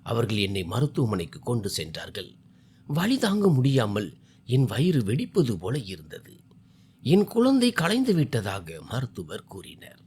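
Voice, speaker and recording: A man's voice: mid-range voice, wildly swooping pitch, moderate pace, darkish tone, slightly rough. A man narrating a first-person family drama story with an emotional, wide-swinging delivery.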